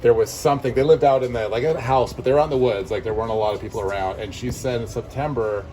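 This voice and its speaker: An easygoing man in a casual chat, mostly nodding along with short replies before telling his own family tale. His voice is of middle pitch, with faint ambient noise around him. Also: fast, dark tone, rough recording. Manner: listens with short agreeing replies, laughs along.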